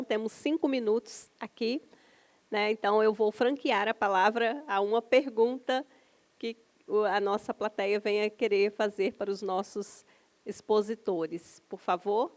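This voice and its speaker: A woman's voice: medium pitch, fairly even intonation, moderate pace. Woman moderating a seminar panel. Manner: formal, courteous moderation. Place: seminar auditorium.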